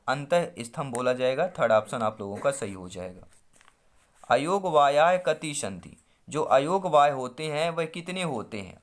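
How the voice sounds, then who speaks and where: A man teaching an online exam-prep lesson, working through quiz questions and stretching out syllables as he explains each answer. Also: medium pitch. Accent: Hindi-speaking India. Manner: quizzing, drawing out syllables as he works through answers.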